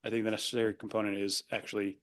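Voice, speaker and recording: A young Argentine man, Spanish his first language, speaks in a lowish, level voice at a rapid-fire clip. He's a thoughtful podcast guest in a casual interview, his talk full of fillers and restarts.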